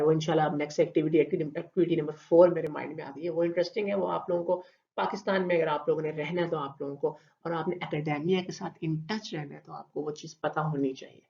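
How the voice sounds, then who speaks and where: A man with a Pakistani Urdu accent giving a recorded online lecture, explaining slowly with repeated terms and many fillers. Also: on the high side, fairly even intonation, vocal fry, a little mellow. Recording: dull lo-fi recording.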